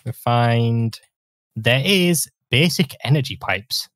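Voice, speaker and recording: Brief: young gamer guy, teasing and mock exasperated, animated pitch, no room echo. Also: slow. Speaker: Let's Play co-host. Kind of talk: casual gaming banter.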